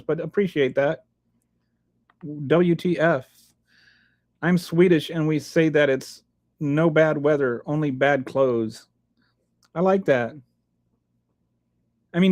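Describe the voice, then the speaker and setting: A middle-aged man hosts a livestream, chatting casually and reading out viewer comments, rambling with lots of restarts and fillers. His voice sits a little high, and the recording is dry with clean studio sound.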